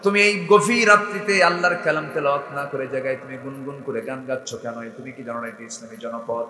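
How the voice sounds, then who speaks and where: Stern humble ruler, questioning, bright tense voice, echoey hall, as a male preacher tells it. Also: medium pitch, fairly quick, lightly acted. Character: stern yet humble old caliph questioning a woman.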